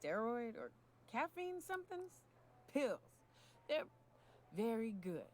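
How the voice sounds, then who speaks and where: A woman's voice: on the high side, big pitch swings, slow pace. An actress playing a drunk, swaggering female monster hunter in a video game, with a slurred, rambling, folksy manner. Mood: tipsy, amiable. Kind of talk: video game character acting.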